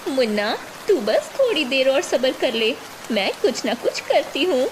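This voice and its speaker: A desperate young mother from a poor family in a cartoon, as voiced by a woman, pleading anxiously. Her voice sits high and swoops widely, and she speaks unhurriedly. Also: sing-song, a little slow, background noise.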